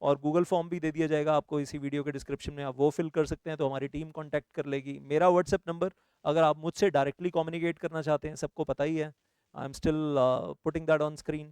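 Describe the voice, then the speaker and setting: An Indian man speaking to his students in an earnest, persuading tone as he promotes his courses, mixing Hindi and English as he goes. His voice is a little high, smooth and clear. It is recorded close and dry, with almost no room sound. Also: steady tone, fairly quick, darkish tone, no echo. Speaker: CS coaching teacher.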